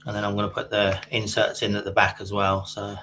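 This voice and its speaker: Low flat guy talking through his guitar build, bit of hum behind him. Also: fairly quick. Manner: explains his work step by step. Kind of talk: casual chat. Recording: faint hum.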